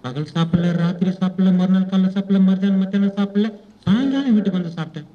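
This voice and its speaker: A high-pitched man gives a spiritual talk to an audience, speaking plainly and turning often to questions. He acts out little dialogues as he goes. The recording sounds dull and lo-fi. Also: quick pace, slight background noise. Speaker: spiritual teacher.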